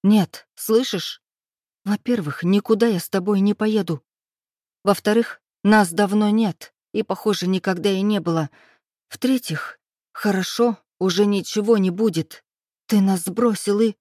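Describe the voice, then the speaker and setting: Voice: mid-range voice, measured pace, no echo, studio quality, lightly acted. An audiobook reader voicing a proud, wounded young woman who speaks curtly and bitterly, her voice raised above the reader's own. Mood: angry. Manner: curt, bitter, rising to shouts.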